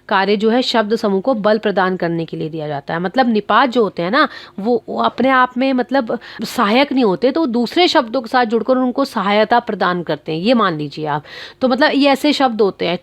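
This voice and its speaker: A woman with a slightly high voice teaches grammar to schoolchildren. She is patient and keeps posing questions, then answering them herself. The sound is dry and close, with no room around her. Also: dry recording.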